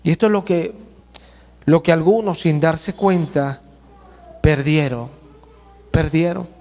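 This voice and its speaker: Guy pastor preaching, kinda high voice, stretches words for emphasis, big hall echo. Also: takes it slowly, darkish tone. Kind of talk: sermon. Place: church hall. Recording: long church hall reverb.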